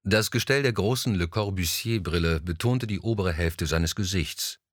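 A man narrating a novel in an expressive, measured storytelling manner. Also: deep voice, husky, no echo, clean studio sound. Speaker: audiobook narrator.

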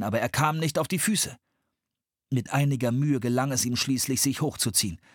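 A male audiobook narrator tells a storm at sea with expressive storytelling. His voice is a little husky and moves through a lively pitch range. The close studio recording is dry. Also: no room sound.

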